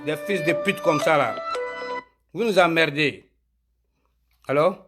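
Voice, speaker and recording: A man's voice: fairly high pitch, slow pace, over music. A man hosting a live stream, delivering an angry, insulting, repetitive rant.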